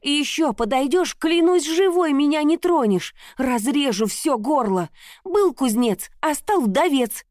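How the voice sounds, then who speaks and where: Defiant young bride, shrill and shouting, a woman acting her, audiobook, dry sound. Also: lively intonation, measured pace, dry recording. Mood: furious. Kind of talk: audiobook character reading.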